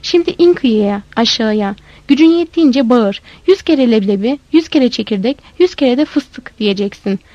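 A woman voicing a bossy, streetwise boy vendor who scolds loudly and insistently. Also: fairly high pitch, expressive, normal speed, dry recording, lo-fi sound. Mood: fierce.

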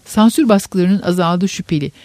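A man's voice: sits high, normal speed, a little mellow, dry recording, natural voice. A man voicing a young male radical editor, speaking with defiance. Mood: defiant.

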